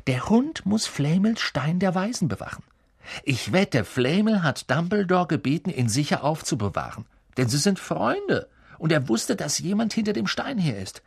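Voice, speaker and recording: A man puts on a clever, bossy young girl in a storybook. Her voice sits high and hurries along with eager excitement. The tone is slightly husky and close. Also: moderate pace, dry recording, full character voice. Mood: explaining. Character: eager know-it-all schoolgirl.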